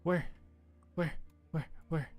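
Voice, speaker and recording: Soft music plays behind this man as he streams a point-and-click game, musing aloud and reading on-screen text to viewers in a relaxed way. He speaks slowly, with a slightly high, darkish voice and fairly even intonation.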